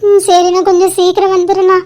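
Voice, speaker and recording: A sobbing cartoon aunt begging for help, played by a woman. Her voice is very high and thin and barely moves in melody. She keeps pleading through tears. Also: monotone, fast, a little mellow. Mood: tearful. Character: distraught aunt pleading over the phone, tearful. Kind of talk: cartoon voice acting.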